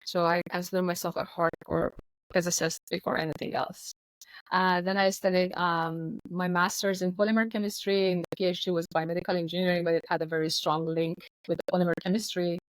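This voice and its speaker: Lower-voiced woman. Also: little pitch movement, fairly quick, dry recording, low-quality recording. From Iran. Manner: articulate, assured explanations. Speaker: guest. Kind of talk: podcast interview.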